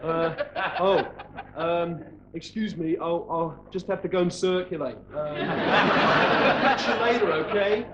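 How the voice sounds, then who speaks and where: Worn tape copy, dull muffled sound, a mopey young hippie student, gloomy, apologetic, droning sitcom voice. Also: male voice, a little high, a little slow, noisy background. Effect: worn VHS tape copy of a TV broadcast. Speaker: sitcom character. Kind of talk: 1980s TV sitcom acting.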